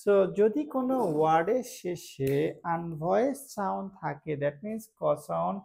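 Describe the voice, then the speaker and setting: Gravelly-voiced woman teaching pronunciation. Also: fairly low pitch, expressive, mellow. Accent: Bangladeshi. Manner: explains slowly, repeats words, asks "clear?". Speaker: English teacher. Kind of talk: spoken English lesson.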